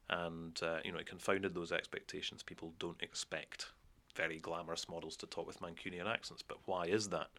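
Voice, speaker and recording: A man giving an explanatory interview, thoughtful and filling pauses with "you know". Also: low-pitched, sharp tone. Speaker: expert interviewee.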